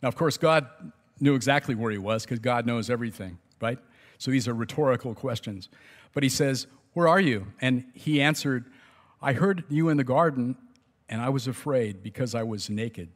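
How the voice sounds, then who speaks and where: A man's voice: mid-range voice, normal speed. Man preaching in a reverberant hall. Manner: conversational, with chuckles and restarts. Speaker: pastor. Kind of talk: sermon. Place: church sanctuary.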